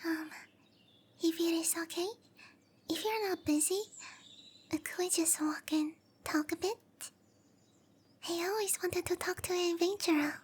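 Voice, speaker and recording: In anime-style roleplay ASMR, a tiny, shy young cowgirl monster girl yearning for adventure speaks in a very high-pitched, soft, breathy voice. She sounds curious and excited but hesitant and apologetic, keeping a steady tone, a little slow, with frequent pauses.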